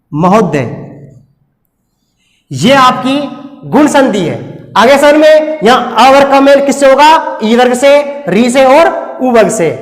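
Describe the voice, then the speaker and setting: A man's voice: extremely high pitch, long reverb tail. A man teaching a recorded lesson, explaining step by step and asking and answering his own questions.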